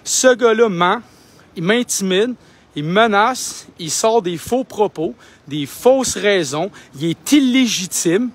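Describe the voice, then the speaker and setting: A young Québécois man with a high-pitched voice argues in an insistent, indignant tone. He speaks into a handheld phone while livestreaming outdoors. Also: expressive, slow pace, slightly rough. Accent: Québécois French. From Quebec. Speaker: independent livestreamer. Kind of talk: live street vlog. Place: outdoors outside a building.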